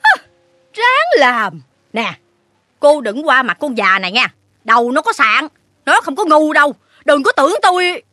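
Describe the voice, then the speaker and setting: A shrill scolding loan-shark woman. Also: expressive, quick pace, dry recording, soft background music. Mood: scornful. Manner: sharp-tongued, mocking, yelling. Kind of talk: audiobook story reading.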